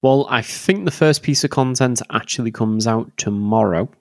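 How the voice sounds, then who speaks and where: A man's voice: medium pitch, moderate pace, creaky, a little mellow, no echo. A young man co-hosting a casual gaming podcast, easygoing and asking dry questions. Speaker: podcast co-host.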